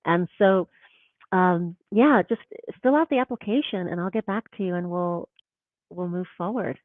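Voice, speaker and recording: A woman's voice: on the low side, normal speed, dry recording. Woman guest chatting over a thin phone-like line, reflective, laughs a lot, very dry sound. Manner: reflective, speaks in earth metaphors, laughs often. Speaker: guest teacher. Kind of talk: casual conversation. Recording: tinny phone-like call audio.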